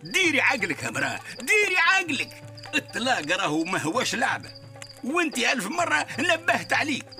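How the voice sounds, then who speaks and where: A man's voice: very high voice, wildly swooping pitch, brisk, music in the background, exaggerated voice. An actor with a southern Tunisian accent playing a husband who scolds his meddling wife in exasperation. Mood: scolding. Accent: southern Tunisian Arabic. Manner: scolding, exasperated, shouting at times. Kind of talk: radio drama acting.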